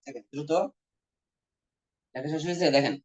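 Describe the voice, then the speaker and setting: A man's voice: on the high side, fairly quick. A man teaching an exam-prep grammar lesson with a Bangladeshi Bengali accent, repeating points and sounding out vowels for his students. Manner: repetitive, coaxing, demonstrates vowel sounds aloud. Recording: dull lo-fi recording.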